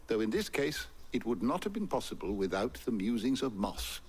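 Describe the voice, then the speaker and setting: An actor playing an elderly, learned and wordy scholar in a fantasy video game, with formal phrasing. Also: male voice, mid-range voice, sing-song, moderate pace, slightly rough. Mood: reflective. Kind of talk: dramatic video game acting. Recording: game music playing behind the voice.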